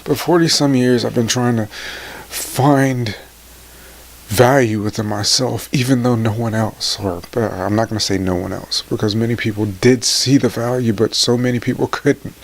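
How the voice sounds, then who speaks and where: A man in his forties speaking emotionally to his viewers, halting and tearful, his voice sometimes sinking to a near whisper. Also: mid-range voice, steady tone. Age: 40s. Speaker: motivational vlogger. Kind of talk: emotional personal talk to camera.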